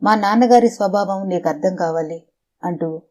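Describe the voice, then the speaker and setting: A woman's voice: lowish voice, normal speed, lightly acted. A woman reading a stern, protective daughter in an audiobook, speaking in a serious, firm way.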